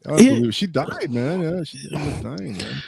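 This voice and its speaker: A man's voice: a little high, big pitch swings, fairly quick, creaky, a loud crowd. A man hosting a podcast in casual chat, laid-back and slangy, giving short reactions. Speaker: podcast host.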